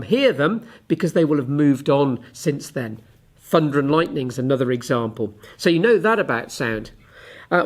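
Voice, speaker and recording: A man teaching a physics lesson to camera, chatty and unhurried, often pausing with ums while he demonstrates with objects. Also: a little high. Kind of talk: relaxed classroom explanation to camera.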